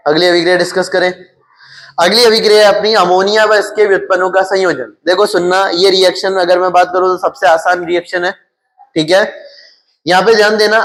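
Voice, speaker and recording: A man's voice: sits high, a bit bright. A male chemistry teacher with a Hindi accent lecturing his class. He keeps asking questions and answers them himself, repeating the key terms.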